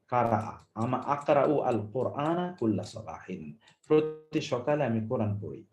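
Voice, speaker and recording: A man's voice: mid-range voice, a little mellow. A man teaching an Arabic class, reading phrases aloud, explaining them word by word and asking the class questions. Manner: asks rhetorical questions to the class. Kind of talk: recorded class lecture.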